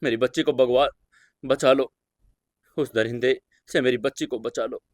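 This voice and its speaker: A man voicing a frantic, grieving middle-aged mother who talks in a hushed, tearful, pleading way. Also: mid-range voice, fairly even intonation, normal speed, no room sound, studio quality, natural voice.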